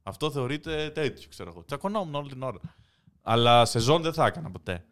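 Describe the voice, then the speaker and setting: A young man in casual podcast chat, an animated storyteller who laughs often. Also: mid-range voice. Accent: Greek. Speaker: podcast co-host.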